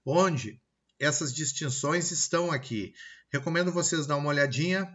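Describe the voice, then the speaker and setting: Brazilian man, grammar teacher, slightly high voice, explanatory with frequent check-ins, muffled lo-fi recording. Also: a bit bright. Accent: Brazilian Portuguese. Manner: slow, deliberate word-by-word example pronunciations. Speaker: Portuguese teacher. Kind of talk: recorded lesson lecture.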